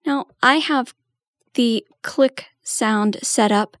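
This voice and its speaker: A woman's voice: a little high, slow, fairly bright tone, no room sound, studio quality. A woman giving a patient, step-by-step tutorial walkthrough as a trainer. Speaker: assistive technology trainer.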